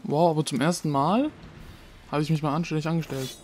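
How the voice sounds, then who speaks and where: A man's voice: on the high side, steady tone, fairly quick, a little mellow, a little hiss or hum. A young man casually commenting on his gameplay, swearing and mocking himself while talking to the game. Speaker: let's play gamer. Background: game music.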